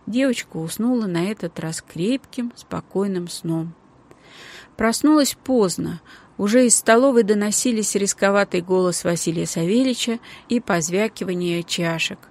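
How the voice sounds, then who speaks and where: A woman reading a children's novel aloud in a calm, even storytelling manner. Her voice sits at a middle pitch, steady and clear. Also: moderate pace. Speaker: audiobook narrator. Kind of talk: scripted narration.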